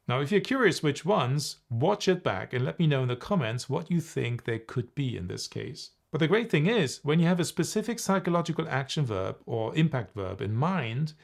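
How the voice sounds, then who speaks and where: A man teaching on camera as a voice and presentation coach. His pitch swings widely as he talks, playful and animated, breaking off to demonstrate humming exercises. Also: vocal fry.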